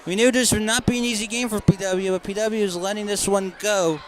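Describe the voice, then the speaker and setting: A young man doing live play-by-play of a high school football game, chatty, repeating the calls and getting excited on fumbles. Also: a little fast, slight background noise. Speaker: play-by-play announcer.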